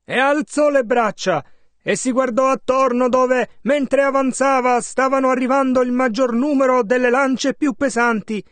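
A man interpreting a sermon, measured and following the preacher's emphasis. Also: very high-pitched, steady tone, fairly bright tone, dry recording.

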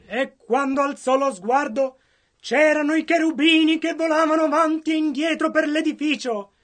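A man's voice: very high-pitched, normal speed. A man interpreting a sermon line by line, earnest and matching the preacher's fervor.

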